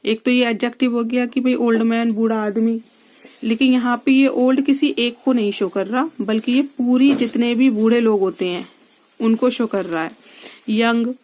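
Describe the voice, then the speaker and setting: Woman teaching English grammar, higher voice. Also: a little mellow, slight background noise. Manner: explains step by step, asks the class questions. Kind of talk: classroom grammar lesson.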